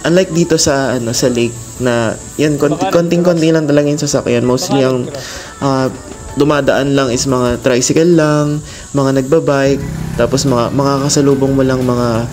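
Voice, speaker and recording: A man's voice: mid-range voice, fairly even intonation, normal speed. Hesitant man narrating casually over music. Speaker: vlog narrator, runner.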